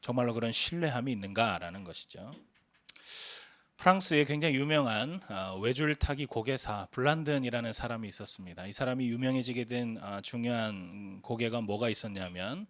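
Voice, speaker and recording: A male pastor in his forties delivers a sermon in an earnest, storytelling manner, often pausing on hesitant fillers. His voice sits in an ordinary middle register. The sound is dry and close, with no room echo. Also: medium pitch, fairly bright tone.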